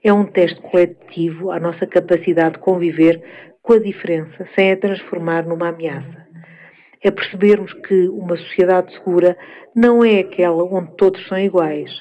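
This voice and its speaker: A woman with a European Portuguese accent, giving a measured, thoughtful spoken essay with frequent pauses. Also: fairly low pitch, fairly even intonation, highs cut off.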